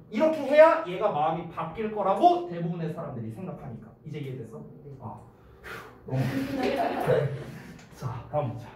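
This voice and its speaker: A man tutoring English in a casual lecture. He keeps checking whether students follow and acts out lively examples. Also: high voice. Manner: keeps checking understanding with quick questions; lively, gives acted-out examples. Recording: echoey room from far off, faint noise.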